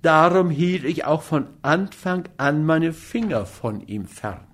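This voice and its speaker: A man's voice: on the high side, lively intonation, takes it slowly, pitched above the performer's own voice. A man reading an audiobook, voicing a cautious, sly gambler. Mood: wary. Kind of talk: audiobook character voice.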